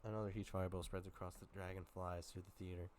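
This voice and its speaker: A man's voice: low-pitched, flat delivery, fast talker, a little mellow, slight background noise. A man with a sore throat reading a film script aloud casually, with dry asides and small stumbles. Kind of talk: casual script read-through.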